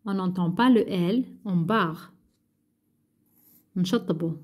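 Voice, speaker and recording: Going through a workbook lesson, a female primary school teacher speaks with slow patience, repeating every word and translating it into Arabic. Her voice is fairly low and a little mellow.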